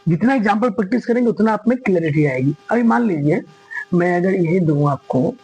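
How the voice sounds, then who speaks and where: A man's voice: sits high, animated, fairly quick, a little mellow, husky, soft background music, low-quality recording. A man teaching grammar, stressing his points with repetition and asking his students questions as he goes. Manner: emphatic, repeats points and quizzes students. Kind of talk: classroom lesson explaining grammar.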